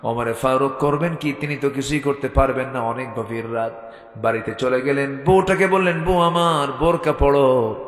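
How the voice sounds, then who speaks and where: A man preacher from Bangladesh, telling a story in a waz sermon, swinging between loud high exhortation and low hushed passages. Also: normal speed. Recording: echoey hall with faint music.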